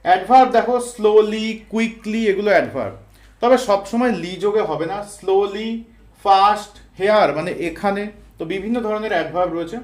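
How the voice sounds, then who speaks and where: A man's voice: sits high, brisk. A man teaching English grammar, explaining each point step by step with everyday examples and talking straight to his students. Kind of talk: explanatory lesson. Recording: echoey room.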